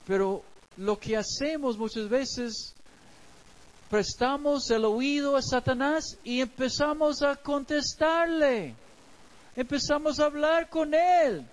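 A man's voice: very high-pitched, slow, poor audio. A man preaching as a pastor, explaining scripture in a conversational way with everyday street examples. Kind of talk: sermon.

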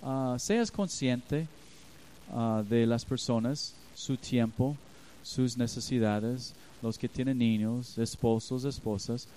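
A man's voice: medium pitch, slow, mellow, a little hiss or hum, poor audio. A man preaching a sermon, reading scripture aloud and then explaining it with stories from his own life. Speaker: pastor.

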